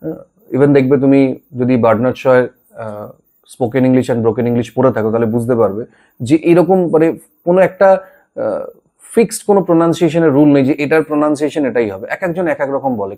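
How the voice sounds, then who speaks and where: Male tutor, warm low-key tone, patient and reassuring lesson delivery. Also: lively intonation, quick pace. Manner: reassuring, repeats "ঠিক আছে?" to check in. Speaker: English tutor. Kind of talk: spoken English lesson.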